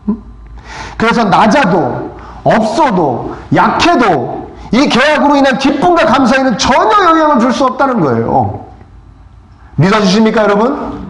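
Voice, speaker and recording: A male pastor preaching a sermon, telling a story and asking the congregation questions. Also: fairly high pitch. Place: church. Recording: echoey church hall.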